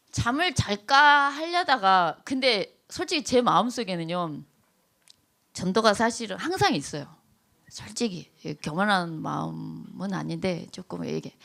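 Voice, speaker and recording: Lively, laughing Korean pastor's wife. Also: female voice, medium pitch, gravelly. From South Korea. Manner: lively storytelling, acts out quoted people, laughs often. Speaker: pastor's wife giving testimony. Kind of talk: testimony talk at a training event.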